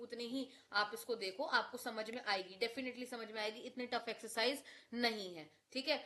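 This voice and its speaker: A woman teaches a maths lesson. Her voice is high and bright. She walks through each step, asks her students questions and then answers them herself. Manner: addresses students as beta. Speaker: maths tutor.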